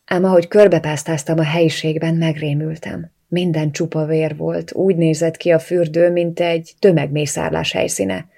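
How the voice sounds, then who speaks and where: A reader narrating a first-person novel in a quiet, subdued way. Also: medium pitch, flat delivery, gravelly, few pauses.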